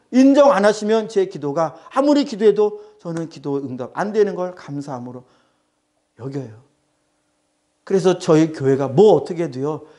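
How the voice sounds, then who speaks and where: A man's voice: high voice, dark tone. A male pastor preaching a sermon, emphatic and repeating his phrases.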